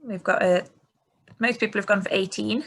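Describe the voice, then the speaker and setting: A woman's voice: mid-range voice, steady tone, normal speed, gravelly, a bit bright. A woman hosting an informal webinar over a video call, speaking politely. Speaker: session host. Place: video call with screen sharing.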